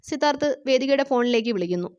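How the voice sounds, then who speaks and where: A woman retells a television serial episode in a plain storytelling manner. Her voice sits high, and the recording is dull and lo-fi. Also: expressive, rapid-fire, a little mellow.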